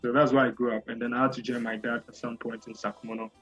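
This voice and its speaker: A young man from Ghana, talking as a guest in a casual interview, chatty and energetic. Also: medium pitch, quick pace, breathy edge, muffled recording, faint music behind. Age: young adult.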